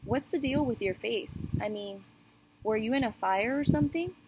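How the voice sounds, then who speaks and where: A woman's voice: on the high side, normal speed, a little mellow, slight background noise, close to an everyday voice, low-quality recording. A woman voicing a sarcastic ten-year-old schoolboy who asks blunt, sneering questions. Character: snide, sarcastic boy classmate, about ten.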